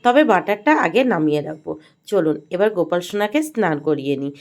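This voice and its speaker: Gentle middle-aged Bengali woman explaining. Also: lowish voice, expressive, quick pace. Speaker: home vlogger. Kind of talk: voice-over explaining a home ritual.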